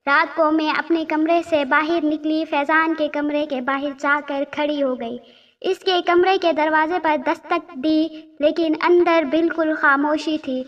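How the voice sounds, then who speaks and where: A woman's voice: sits high, recorded from a distance, muffled recording. A woman telling a first-person story as a storyteller, emotional, with quoted dialogue.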